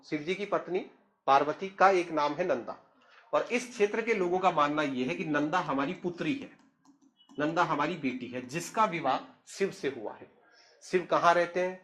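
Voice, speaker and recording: A man's voice: fairly high pitch, a bit bright. A man, telling a story in a chatty, humorous way and speaking straight to the listener. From Uttarakhand, India. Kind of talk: casual spoken storytelling.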